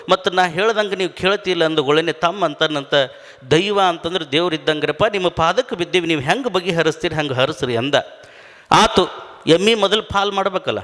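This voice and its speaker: Male preacher, North Karnataka accent, comic storytelling sermon, high voice, long reverb in a hall. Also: a bit bright. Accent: North Karnataka Kannada. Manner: storytelling with repeated lines and voiced dialogue. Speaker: preacher telling a comic folk tale. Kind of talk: humorous spiritual discourse.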